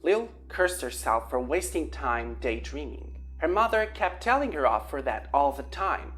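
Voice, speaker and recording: A woman reading an audiobook aloud with expressive storytelling. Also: rumbling low, normal speed, soft background music. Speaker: audiobook narrator. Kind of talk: audiobook narration.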